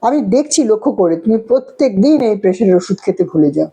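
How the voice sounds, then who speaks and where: A woman's voice: medium pitch, big pitch swings, fast, mellow, husky, dull audio. A woman playing a nagging husband. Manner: scolding, nagging. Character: fussing husband nagging about medicine.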